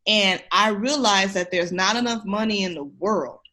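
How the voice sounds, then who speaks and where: This podcast guest, an education researcher, has a medium-pitched, sharp-toned voice and keeps a moderate pace. Speaking conversationally to the listener, she comes across as emphatic and encouraging.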